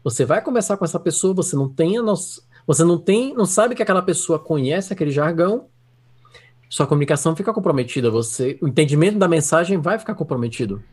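A man co-hosts a casual podcast, telling stories with a joking, chuckling manner. His voice sits a touch high and moves freely up and down. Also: expressive, fast, darkish tone, husky. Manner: jokey, storytelling, chuckling. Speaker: podcast co-host.

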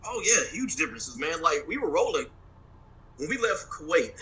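A man in his forties with a very bright, sharp voice tells his war stories in a loose, profane, animated way and laughs often. He talks over a phone line. A faint hiss sits behind him. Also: on the high side, normal speed. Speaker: military veteran guest. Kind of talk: casual storytelling interview.

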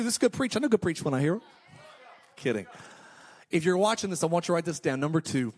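A pastor in his thirties preaches a sermon in a high, bright-edged voice. He's energetic, piling up repeated declarations and tossing in quick joking asides before driving his point home.

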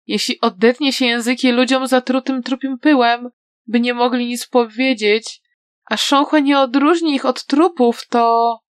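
A woman's voice: steady tone, measured pace, no room sound, clean studio sound, lightly acted. Woman doing a sly, taunting young villain. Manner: soft, low, taunting. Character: mocking young villain man, sly and cruel.

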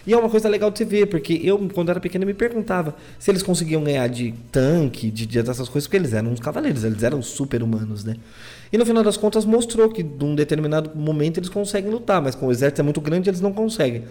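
A man's voice: fairly high pitch, animated, racing, dark tone. A young man giving a casual, rambling recap of anime episodes, stumbling and repeating words as he goes. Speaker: anime reviewer.

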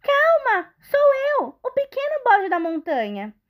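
A woman voicing a small, timid young male goat who pleads in a very high voice. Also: huge pitch swings, measured pace, highs cut off, heavily acted. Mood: pleading.

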